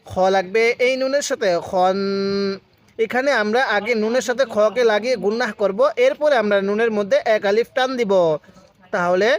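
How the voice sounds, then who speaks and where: A man's voice: high voice, normal speed. A man teaching a Quran reading lesson, patiently spelling out letters and syllables one by one. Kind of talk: step-by-step recitation lesson.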